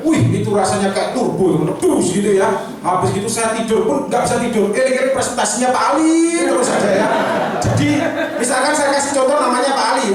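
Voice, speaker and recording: A man telling stories to fellow insurance agents, acting out the dialogue in a lively way. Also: very high-pitched. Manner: animated, acts out dialogue, mixes in Javanese words. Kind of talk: motivational storytelling talk. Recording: echoey room, far from the mic, faint noise.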